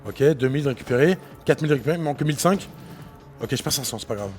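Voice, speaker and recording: Rowdy male gambling streamer, excitable and exclamatory, very animated pitch. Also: racing, soft background music. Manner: rowdy and excitable, bursting into loud shouts and repeated exclamations. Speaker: casino game livestreamer. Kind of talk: live gambling stream commentary.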